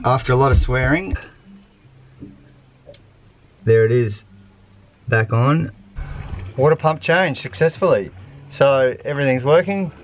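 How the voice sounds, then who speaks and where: A man in his forties on a sailboat, talking through an engine repair at a relaxed pace with plenty of ums. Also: medium pitch, a little slow, pauses often, slight background noise. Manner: relaxed, matter-of-fact, hesitant with ums. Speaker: sailing vlogger. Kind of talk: casual how-to narration. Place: aboard a sailboat, engine bay and deck outdoors. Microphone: handheld action camera.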